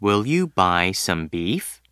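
A woman putting on a deep, slow voice to speak the questioning part in a practice dialogue. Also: big pitch swings, a bit bright, clean tone, dry recording, clean studio sound, full character voice. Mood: asking slowly. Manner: slow, deliberate.

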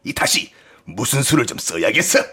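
A man's voice: mid-range voice, very animated, moderate pace, a bit bright, slightly rough. An actor playing a sly, scheming male servant in a radio drama reading, wheedling and theatrical. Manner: cunning, fawning, theatrical pleading.

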